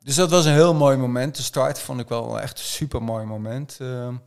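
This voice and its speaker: A man tells casual, conversational stories about his experiences as a trail runner, acting out his own thoughts along the way. His mid-range voice is gravelly with a steady tone and moderate pace, and the sound is clean.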